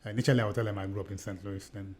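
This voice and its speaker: A middle-aged man who grew up in Nigeria co-hosts a conversational podcast, telling stories earnestly with a Nigerian accent and frequently repeating or restarting phrases. His lowish, darkish voice stays level but goes very fast.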